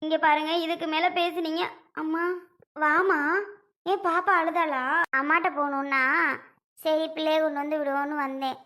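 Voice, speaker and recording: A woman's voice: high voice, flat delivery, fairly bright tone. A woman playing an indignant middle-aged mother who confronts her daughter's in-laws, speaking. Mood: demanding. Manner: confrontational, quick retorts. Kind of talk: family comedy skit.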